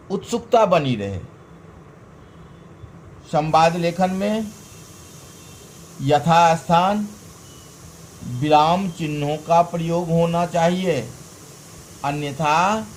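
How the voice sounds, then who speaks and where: A male teacher giving a lesson in a slow, deliberate way, pausing between phrases and stressing key words. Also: fairly high pitch, slight background noise. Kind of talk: classroom lesson.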